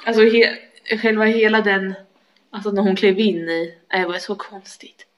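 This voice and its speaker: A woman's voice: mid-range voice, steady tone. A woman talking in casual chat. She mostly answers with short agreeing words and sometimes recalls a situation in a reflective way.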